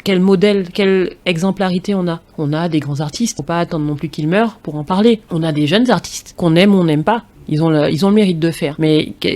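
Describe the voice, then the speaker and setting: A woman's voice: lowish voice, fairly quick, few pauses, a little mellow. A woman from Martinique, a former professional basketball player, talking as a podcast guest in a thoughtful, restarting way, full of fillers. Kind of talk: casual interview talk.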